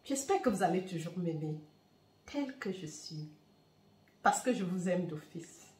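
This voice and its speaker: Woman host with a Bamileke accent, slow, fervent spiritual talk, roomy echo. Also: lowish voice, animated. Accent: Bamileke-accented French. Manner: warm, fervent, with hesitant fillers. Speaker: spiritual reader and channel host. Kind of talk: heartfelt spiritual talk to viewers.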